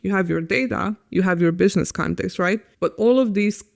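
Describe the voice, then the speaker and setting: A woman's voice: medium pitch, fairly quick, gravelly. A woman with an Eastern European accent, a podcast guest talking bluntly and with profanity in a casual conversation.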